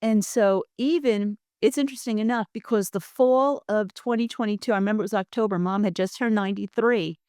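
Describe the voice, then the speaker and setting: A woman in her sixties recounts a family story on a podcast, chatty and acting out the voices of relatives. Her voice sits at a middle pitch. The sound is dry and close, with no room around it. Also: a little fast, few pauses, darkish tone, smooth, no room sound. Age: 60s. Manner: chatty, acts out quoted family dialogue. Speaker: guest. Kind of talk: personal storytelling in conversation.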